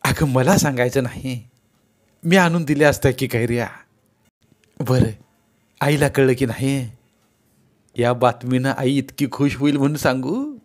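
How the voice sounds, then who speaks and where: A man's voice: mid-range voice, unhurried, long pauses, close to an everyday voice. A man voicing an eager young village husband with a rural Marathi accent.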